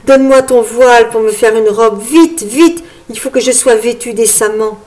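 A woman voicing a vain, grandiose enchanted frog fairy in a storybook reading, with a shrill, preening, imperious manner. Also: steady tone, normal speed, darkish tone, lightly acted. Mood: vain excited.

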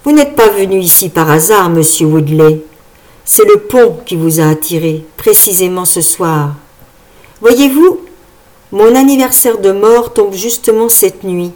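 A woman's voice: mid-range voice, expressive, measured pace, darkish tone, natural voice. A woman voicing the spirit of a vengeful dead man in a horror audiobook, clipping each syllable precisely. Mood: menacing.

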